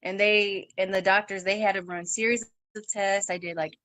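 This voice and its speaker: A young woman in her twenties telling her story in an interview, halting, with fillers and restarts, and acting out what others said in a raised voice. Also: mid-range voice, steady tone, fairly bright tone, no room sound. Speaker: guest sharing her story.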